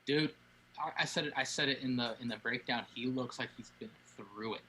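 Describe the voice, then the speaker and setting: Young dude cohosting a podcast, bright voice, hypes everything up, bit of faint noise behind. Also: male voice, mid-range voice, a little fast, low-quality recording. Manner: excitable, slangy, says dude a lot. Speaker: podcast co-host. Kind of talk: casual fan podcast chat.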